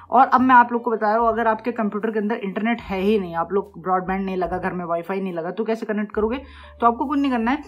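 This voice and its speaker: A man hosting a casual, step-by-step tech tutorial, explaining in a chatty way and often checking in with viewers. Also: high voice. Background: faint music playing from his phone.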